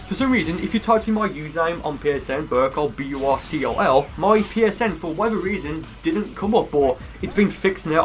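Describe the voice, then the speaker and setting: A man's voice: fairly high pitch, fairly bright tone. A man giving casual gameplay commentary in a rambling, conversational way. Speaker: gaming video creator. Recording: music behind the voice. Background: music.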